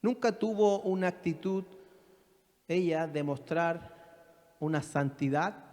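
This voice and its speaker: A man's voice: fairly high pitch, slow, a little mellow. A male pastor delivers a sermon in a slightly raised voice. He leans on rhetorical questions and pushes his points with emphasis. His words carry with a long reverb through a church hall.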